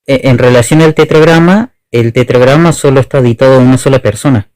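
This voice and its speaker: A man's voice: mid-range voice, brisk, darkish tone, no room sound, low-quality recording. A man, a guest Hebrew teacher, explaining carefully over an online call, with many restarts and rephrasings. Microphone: online video call.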